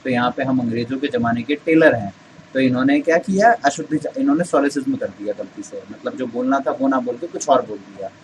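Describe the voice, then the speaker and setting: A man with a mid-range voice teaches English vocabulary in Hindi, using memory tricks and explaining each step while answering his own rhetorical questions. Background noise can be heard.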